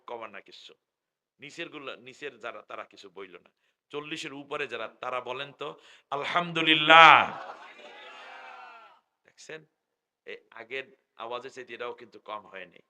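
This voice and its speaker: A middle-aged man with a Bangladeshi Bengali accent preaches loudly into a stage microphone, his medium-pitched, expressive voice carried through loudspeakers at a public gathering. He jokes with the crowd and stretches out his call phrases in a live sermon with call-and-response.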